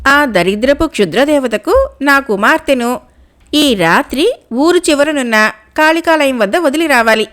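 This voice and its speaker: A woman's voice: sits high, animated, moderate pace, fairly bright tone. A woman storyteller voicing a poor, kindly old village mother who speaks in a motherly, pleading way. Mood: sorrowful.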